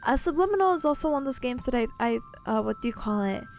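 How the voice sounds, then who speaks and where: Cutesy, high-pitched bubbly woman streamer. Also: expressive, quick pace, a little mellow, soft background music. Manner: cutesy, bubbly, playful nya speak. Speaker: streamer, VTuber host. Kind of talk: live game streaming chat to viewers.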